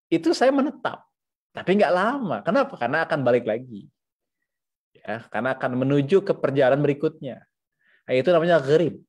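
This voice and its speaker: An Islamic teacher with an Indonesian accent gives a lecture, reading Arabic phrases and explaining them in a didactic, conversational style. His medium-pitched voice is a little mellow; he repeats phrases and adds conversational asides with frequent checking tags.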